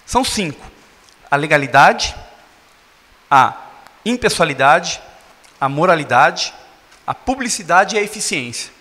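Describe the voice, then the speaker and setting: Man giving an explanatory lecture in a council chamber, bright voice, hall reverb. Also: fairly high pitch, sing-song, measured pace, long pauses. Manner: explanatory, gesturing while speaking. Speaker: lecturer, municipal attorney. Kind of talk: public lecture. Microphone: handheld mic.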